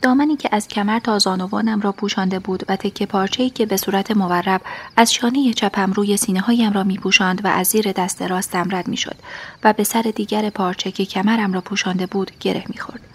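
Woman narrator for a first-person audiobook; soft, half-whispered reading at a middling pitch. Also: steady tone, husky.

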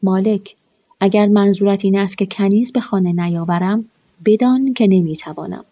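A woman narrating a first-person story in a calm, measured way. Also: mid-range voice. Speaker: audiobook narrator.

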